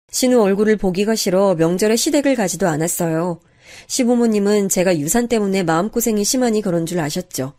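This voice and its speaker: A woman tells a first-person story in a calm, confiding voice at an even pace. Her tone is mellow and soft, with a mid-range pitch. She narrates steadily, like a bedtime radio reading.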